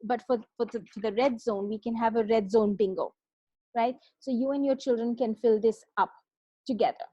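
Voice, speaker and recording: A woman working as a parenting coach, giving a conversational talk on calming down, and she often asks "right?" as she goes. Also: a little high, normal speed, no room sound, lo-fi sound. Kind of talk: talk on self-regulation.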